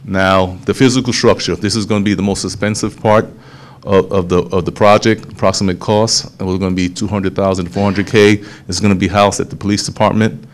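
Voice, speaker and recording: A man, a police official explaining a program to a town hall meeting, steady and explanatory, often restarting phrases. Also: low voice, a little fast. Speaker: police official presenting to city council.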